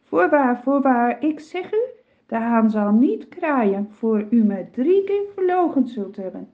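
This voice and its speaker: A woman voicing a solemn, gentle male teacher, speaking in a measured way. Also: a little high, very animated, narrow, tinny audio.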